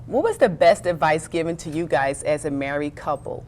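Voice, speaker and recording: Low-pitched lady host, chatty interview, keeps backing up her guests with sayings. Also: lively intonation, moderate pace, darkish tone, a little hiss or hum. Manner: affirming, quotes sayings. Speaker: podcast host. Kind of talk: casual interview.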